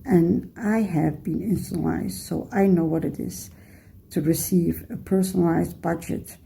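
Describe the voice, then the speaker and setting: A woman from Belgium introduces herself as a board candidate in a steady, earnest way. Her voice is dark and a little gravelly, with a slightly low pitch. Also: normal speed, low-quality recording. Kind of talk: self-introduction speech.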